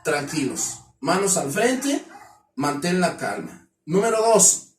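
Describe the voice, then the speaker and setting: A man's voice: sits high, big pitch swings, slow, faint music behind. A man with a Mexican accent gives a classroom lecture on crime prevention, speaking emphatically and peppering the class with rhetorical questions. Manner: acts out shouted cries for help. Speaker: criminology lecturer. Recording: roomy echo from a distant mic.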